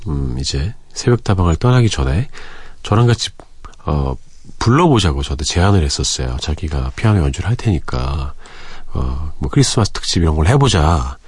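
A man in his forties hosting a late-night radio show, chatting easily and reading listener messages with soft breathy asides. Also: sits low, dry recording. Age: 40s. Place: radio studio. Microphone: close studio microphone.

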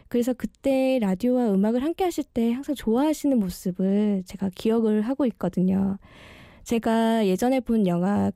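A woman's voice: on the high side, warm tone, no room sound, clean studio sound. A woman in her early thirties hosting late-night radio as an amateur guest DJ, bashful and sincere, with slightly slurred articulation from dental braces. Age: early 30s. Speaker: one-day guest radio DJ. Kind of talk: late-night radio talk, personal monologue.

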